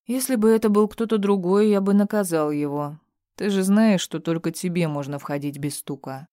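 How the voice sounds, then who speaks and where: A woman's voice: on the low side, moderate pace, warm tone, no room sound, clean studio sound, natural voice. Woman reading as a stern, curt grown man. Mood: gentle. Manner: firm, curt.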